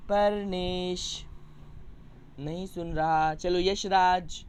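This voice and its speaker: A man's voice: sits high, clean tone. Patient male Hindi teacher on a video call. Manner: patient, coaxing, explains word meanings to children. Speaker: primary school Hindi teacher. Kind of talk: online class lesson.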